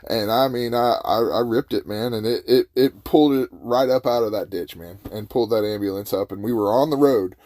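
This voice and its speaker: Guy, folksy and chatty, mellow voice, dry sound, chuckles a lot. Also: on the low side, a little fast, hardly any pauses, dry recording. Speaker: storyteller. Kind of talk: casual storytelling.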